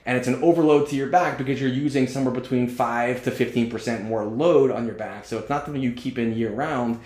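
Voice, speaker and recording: A man's voice: mid-range voice, fairly even intonation, fast, a little mellow, roomy sound. A man in his forties, a strength coach and podcast host, talking bluntly and joking in casual chat. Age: 40s.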